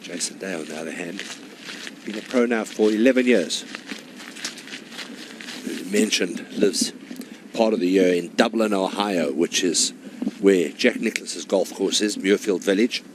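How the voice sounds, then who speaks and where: A man giving measured, informative live commentary as a golf broadcaster. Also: low voice. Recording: clear background noise, outdoor course ambience.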